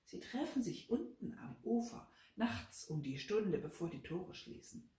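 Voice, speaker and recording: A woman's voice: medium pitch, lively intonation, measured pace, warm tone, natural voice. A woman voicing a stern, superstitious old head maid who talks in a scolding, preachy way. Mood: ominous. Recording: roomy, from a distance.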